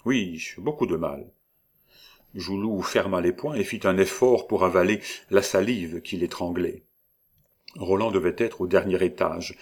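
A man narrating a novel in a steady, measured reading voice. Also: low voice. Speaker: audiobook narrator.

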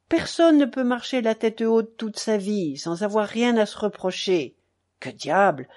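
A woman's voice: on the high side, a little mellow. Woman reading a pressing, debt-worried husband. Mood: cold pressing. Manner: urgent, pleading then cold. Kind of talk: audiobook reading.

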